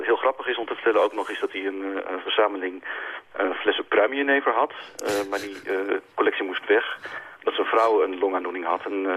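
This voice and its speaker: A man talks quickly and hesitantly, filling his sentences with "eh". His voice sits on the low side and sounds somewhat husky, and it comes through a dull, lo-fi radio line. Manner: fast, hesitant, many fillers. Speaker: website creator, guest. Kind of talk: radio interview.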